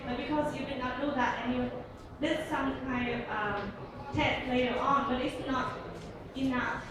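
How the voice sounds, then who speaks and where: A woman giving instructive, critical feedback as a thesis examiner, often checking with short tag questions. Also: high-pitched. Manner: instructive, checking with "right?" and "okay?". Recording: echoey room, distant mic, noisy.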